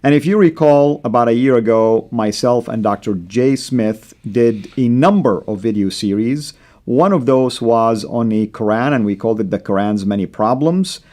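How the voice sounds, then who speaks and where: Brief: Saudi-born male host, native Arabic speaker with an American accent, measured delivery full of fillers, mid-pitched, studio discussion. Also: animated, warm tone.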